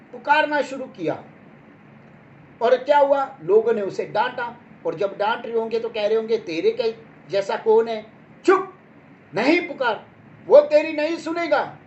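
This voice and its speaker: A woman preaching a Bible sermon at an unhurried, deliberate pace, circling back over her points and pressing them home. She often pauses to check in with her listeners. The recording sounds dull and lo-fi, with a faint hum of background noise. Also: medium pitch, darkish tone. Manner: repetitive, emphatic, checks in with listeners.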